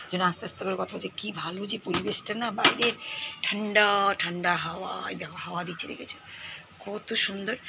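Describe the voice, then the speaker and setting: A woman's voice: on the low side, vocal fry, noisy background. A woman with a Bengali accent chatting casually to viewers in a home vlog, often cooing to a small child as she does chores. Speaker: lifestyle vlogger. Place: home balcony and rooms. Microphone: phone camera.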